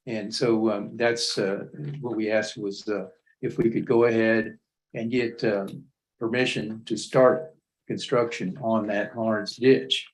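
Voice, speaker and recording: A man making a public comment at a county meeting, halting and repeating words as he builds his point. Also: on the low side, little pitch movement, poor audio.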